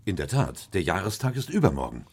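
An actor playing a genteel, earnest Victorian doctor who narrates and converses in a German radio play. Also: male voice, low voice, big pitch swings, a little fast, gravelly, slightly rough, exaggerated voice. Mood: astonished. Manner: earnest, gentlemanly.

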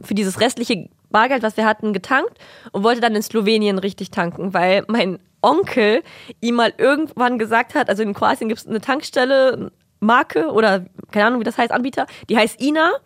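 Young female co-host, animated storyteller, slightly high voice, dry mic. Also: no echo. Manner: animated anecdote-telling with quoted voices and English words mixed in. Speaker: podcast co-host. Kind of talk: casual chat, storytelling.

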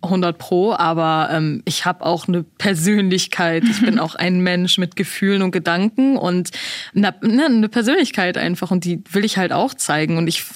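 A woman's voice: on the low side, normal speed, hardly any pauses, no echo, studio quality. A young woman guest chatting casually, with slangy phrasing and bits of English mixed in. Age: young adult. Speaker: podcast guest, comedy creator. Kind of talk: casual chat.

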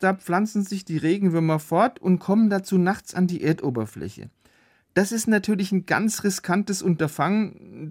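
Man explaining biology facts, higher voice. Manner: patient, factual explainer. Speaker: biologist guest. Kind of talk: explaining facts in a podcast chat.

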